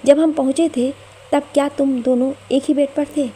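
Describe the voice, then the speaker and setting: A woman's voice: high voice, fairly even intonation, normal speed, dark tone, a little hiss or hum, pitched above the performer's own voice, close to an everyday voice. A woman voicing a scheming young woman who pleads and accuses in a whiny tone. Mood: probing.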